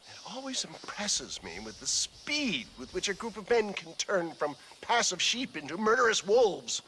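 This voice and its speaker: Western game: wily, elderly elixir peddler; high voice, pompous, grandiloquent, theatrical; some background noise. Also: male voice, very animated, normal speed, pushed and bright, full character voice, poor audio. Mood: relieved, subdued. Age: older. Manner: grandiloquent, florid, theatrical showman's talk. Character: pompous, wily, aging travelling elixir salesman. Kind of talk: Western video game acting.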